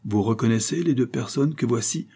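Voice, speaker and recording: Man voicing a village mayor, middle-aged, brisk, commanding, husky, mellow. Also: medium pitch.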